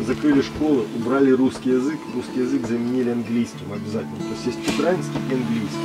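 An insistent man in his fifties tells stories in a relaxed, conversational way and keeps his listeners engaged. He was recorded by a camera across a small indoor pavilion, with guitar music clearly audible behind him. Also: medium pitch, low-quality recording. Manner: earnest, insistent, keeps asking "понимаешь". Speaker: battalion veteran. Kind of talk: casual storytelling.

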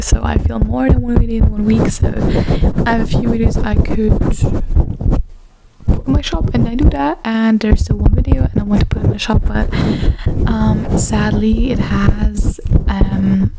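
A woman's voice: on the high side, fairly even intonation, moderate pace, gravelly. A young adult woman in a casual ASMR ramble, hesitant and repeating words, close to the microphone. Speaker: ASMR video creator. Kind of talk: soft-spoken casual ASMR chat. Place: dim room at home. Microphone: large microphone right at the mouth. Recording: noisy close-mic recording with clicks.

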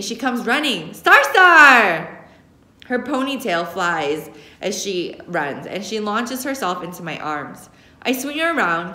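In a roomy classroom, an American woman who teaches reads a young adult novel aloud with expression. Her voice is mid-range and a bit bright, picked up by a camera placed a short distance away.

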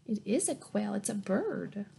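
In a small, plain room at home, a woman in her thirties reads a picture book aloud to young children as a teacher would, sing-song and encouraging, with simple questions and praise. Her mid-range voice is gravelly, very animated and unhurried. A webcam or laptop mic at arm's length picks her up, and the background is noisy.

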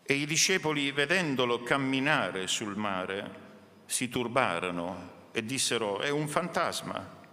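A male pastor reads scripture and prays slowly and deliberately. His voice is bright and forward, and it rings out through a church hall with a long reverb. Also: medium pitch. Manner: slow, measured reading and prayer. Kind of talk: sermon with scripture reading and prayer. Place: church hall during a worship service.

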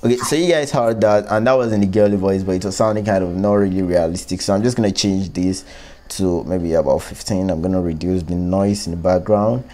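A man with a low, warm voice talks a little fast as he hosts a casual tech tutorial, informally explaining an app step by step over a screen recording. The voice-over is captured on a close one-way mic, with a little hiss or hum.

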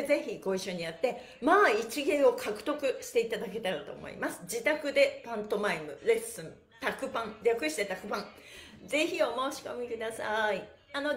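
A middle-aged woman leads an upbeat livestream pantomime and stretching class, chirpy and encouraging, full of exclamations and frequent laughter. Her voice is on the high side and sounds roomy, since she's recorded by a device mic a step or two away in a small bare room.

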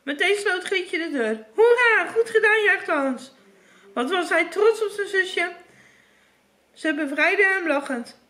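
A woman's voice: very high voice, lively intonation, slow, long pauses, pushed and bright. A woman reading a fairy tale aloud, often stumbling and restarting. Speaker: storyteller.

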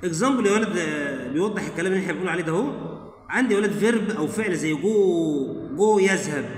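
Fast, high-voiced Egyptian teacher drilling pupils. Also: male voice, reverberant, in a large hall. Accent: Egyptian Arabic. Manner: drills word pairs, repeating each twice; keeps addressing the pupils directly. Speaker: English teacher. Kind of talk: classroom-style grammar lesson.

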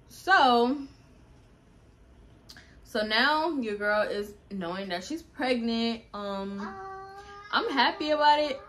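A woman's voice: mid-range voice, a bit bright, a little hiss or hum. Chatty young woman with drawl. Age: young adult. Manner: chatty, addresses viewers as y'all. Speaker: vlogger. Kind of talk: casual storytime.

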